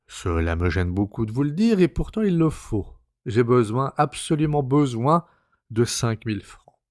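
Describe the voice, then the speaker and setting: A man's voice: medium pitch, sing-song, normal speed, darkish tone, dry recording, studio quality, natural voice. A man reading aloud voices an anxious young woman who pleads and stammers on the edge of tears.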